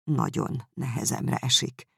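Tired sardonic older dad, low gravelly dry voice, male audiobook reader. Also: dry recording, exaggerated voice. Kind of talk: audiobook character reading.

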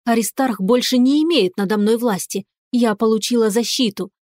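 Bright-voiced woman narrating an audiobook. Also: a little high, normal speed, no room sound, clean studio sound. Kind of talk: first-person audiobook narration.

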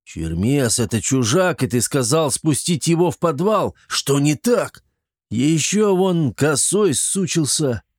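A man's voice: a little high, sing-song, slow, no echo, studio quality, pitched above the performer's own voice, exaggerated voice. A man doing a dim, frightened fat henchman. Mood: puzzled.

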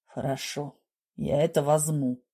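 A woman voicing a bitter, defiant young woman who speaks sullenly, in a husky voice. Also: deep voice, fairly even intonation, measured pace, mellow, pitched below the performer's own voice, full character voice. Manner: sullen, resentful.

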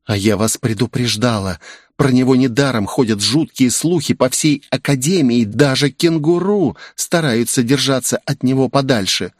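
A man's voice: mid-range voice, moderate pace, no echo, studio quality, close to an everyday voice. A man voicing a loyal, anxious young maid in an audiobook, speaking in a worried, earnest way.

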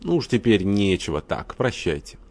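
A man doing a gruff, sardonic old major. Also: fairly low pitch, very animated, normal speed, a little mellow, pitched above the performer's own voice. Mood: mocking. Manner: curt, mocking.

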